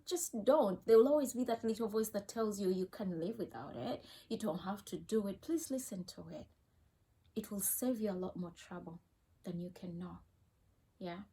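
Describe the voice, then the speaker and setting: A woman's voice: mid-range voice, a little mellow. A woman from Uganda with a Ugandan English accent, a mother earnestly cautioning and repeating her advice in a casual talk.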